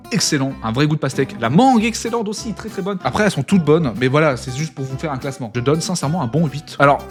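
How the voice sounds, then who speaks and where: A young man tasting foods in a casual vlog, jokey and excitable, with sudden loud outbursts. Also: medium pitch.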